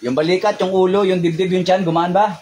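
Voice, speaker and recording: A man's voice: sits high, steady tone, fast, a little mellow, slight background noise, low-quality recording. A man leading a healing ritual, giving commands and chanting prayers. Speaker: faith healer.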